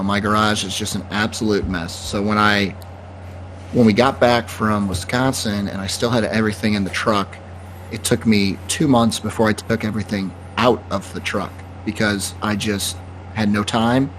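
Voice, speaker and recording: Low-voiced man rambling casually. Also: moderate pace, a little hiss or hum. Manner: rambling, relaxed, with restarts. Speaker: podcast co-host. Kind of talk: casual podcast chat.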